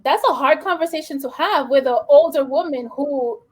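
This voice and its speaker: Her voice sits high and has a darkish tone, moving at normal speed. She is a guest educator from the Bronx with a New York Puerto Rican accent, reflective and earnest in a conversational interview, with plenty of "you know" and "like."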